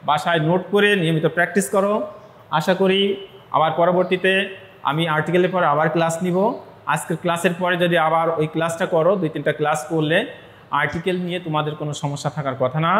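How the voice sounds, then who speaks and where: A man's voice: sits high, reverberant. A man with a Bangladeshi accent, an English teacher giving an online class lecture, explaining step by step and repeating points for students.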